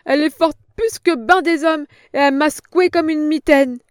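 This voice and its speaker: A woman doing shrill whining old hag. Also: moderate pace, no echo, studio quality, lightly acted. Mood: whining, frightened. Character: old vulgar female innkeeper, whining and scared.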